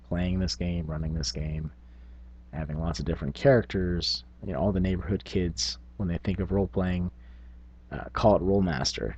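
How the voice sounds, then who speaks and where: A middle-aged man, hosting his own channel, muses casually about tabletop gaming in a vlog, pausing and thinking aloud as he goes. His voice is low, slightly rough and darkish in tone, and the recording sounds lo-fi.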